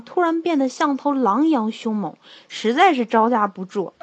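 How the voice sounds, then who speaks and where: Playful high-voiced woman hosting a comic talk show. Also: slight background noise. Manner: playful, chatty, laughs at her own jokes. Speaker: host. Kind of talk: light comic monologue.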